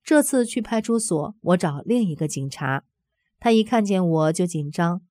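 A woman reading a first-person testimony aloud in an earnest, steady voice. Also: fairly low pitch, moderate pace, no room sound.

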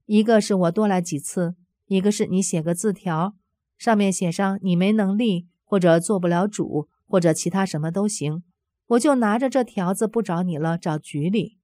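A woman with a mellow, warm voice reads a first-person story aloud, earnest and steady. The sound is dry and close, with no room around it. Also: medium pitch, moderate pace, no echo. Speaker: narrator reading a personal testimony.

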